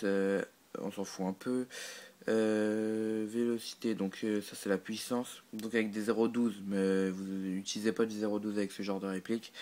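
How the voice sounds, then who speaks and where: A man with a fairly low voice talks through a product review in a loose, unscripted way. He hesitates often, fills gaps with "euh" and restarts his sentences. He pokes fun at his own mistakes as he goes. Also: a little mellow, low-quality recording. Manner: self-mocking, laughs at own slips. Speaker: channel host reviewing a replica gun.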